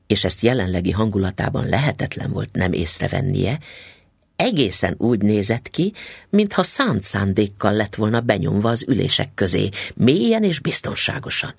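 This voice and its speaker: Man narrating an audiobook, gravelly, husky, dry close sound. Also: on the low side, no echo. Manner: expressive, dramatic reading.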